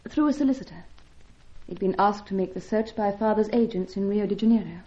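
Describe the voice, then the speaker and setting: An actress with a medium-pitched, warm voice, speaking a little fast and lightly acted, plays a helpless, anxious young woman in an old radio adventure serial. Her delivery is genteel, earnest, and fretful, with a wistful, demure mood. The recording is dull and lo-fi, typical of old radio.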